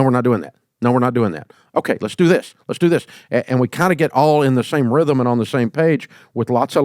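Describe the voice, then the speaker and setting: A man's voice: mid-range voice, dry recording. Emphatic folksy middle-aged man, dry studio. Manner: emphatic and folksy, leaps to loud acted quotes. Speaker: host giving leadership advice. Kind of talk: call-in advice talk.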